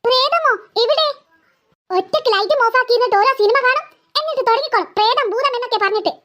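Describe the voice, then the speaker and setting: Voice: very high voice, fast talker, pushed and bright. A performer voicing an impatient mother who scolds and threatens her daughter. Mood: scolding. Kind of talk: cartoon voice acting.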